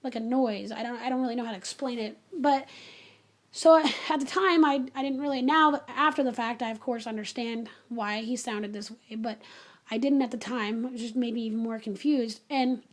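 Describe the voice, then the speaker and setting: A woman casually telling a personal story in an animated, chatty way, full of asides. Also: fairly high pitch, normal speed.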